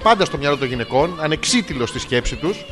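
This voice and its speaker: A man's voice: fairly high pitch, expressive, over music. A man co-hosting a casual comedy podcast, boasting and joking in loose banter, sometimes slipping into English. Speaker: co-host.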